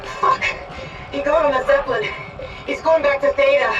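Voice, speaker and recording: Panicky hurt crewmate in sci-fi game, super high urgent voice, muffled with music behind. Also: male voice, normal speed, distant mic. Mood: alarmed. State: distressed. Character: desperate, urgent injured crewmate in a sci-fi horror. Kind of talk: video game voice acting.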